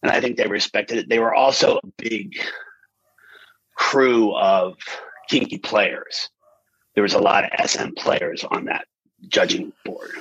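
A man in his fifties, an animated storyteller in a conversational interview, who acts out quotes with big jumps in pitch. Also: a little slow, pauses often, husky, no echo, dull audio. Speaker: guest.

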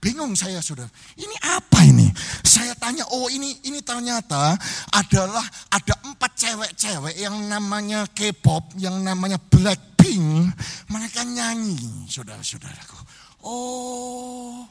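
A middle-aged man, a pastor, preaching a humorous sermon to a live church congregation, addressing them constantly and breaking into sung and shouted phrases. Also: high voice, sing-song, unhurried, vocal fry.

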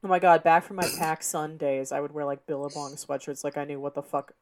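A young American woman chatting on a podcast in a relaxed, lively way. Her voice sits a little low, and she laughs easily and swears casually. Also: brisk. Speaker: podcast co-host.

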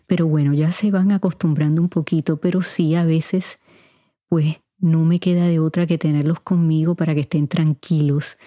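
A middle-aged podcast host from Puerto Rico, with a mostly neutral Puerto Rican Spanish accent, answers listener questions in an unhurried, chatty way, speaking directly to her audience. Her low, mellow voice has fairly even intonation, captured dry on a studio mic in a home recording room.

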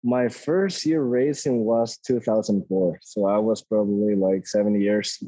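A young man with a Costa Rican Spanish accent talks in an easygoing way, hedging with "like" as he goes. His voice is mellow and a little husky, and he is recorded dry and close. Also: lowish voice, steady tone, measured pace, dry recording, rough recording. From Costa Rica. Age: 20s. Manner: easygoing, laughs often, hedges with like. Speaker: guest, ATV racer. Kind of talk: casual interview.

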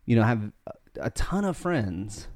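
Fast-talking man on a faith podcast. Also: on the low side, sing-song, darkish tone, no room sound, studio quality. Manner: fast-talking, restarts sentences, preachy. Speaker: podcast co-host. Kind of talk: casual faith podcast chat. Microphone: podcast mic.

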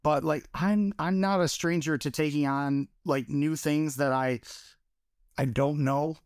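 A man's voice: fairly high pitch, fairly even intonation, a little slow, clear, resonant tone, no echo, studio quality. A man from Michigan, a podcast guest, talking casually and hesitantly with many fillers and restarts. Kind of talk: casual interview chat.

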